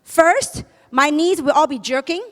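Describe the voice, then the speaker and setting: A woman with a Chinese accent delivers a motivational business seminar talk, emphatically asking questions and answering them herself. Her voice sits high and she speaks a little slowly, in an echoey hall with long reverb.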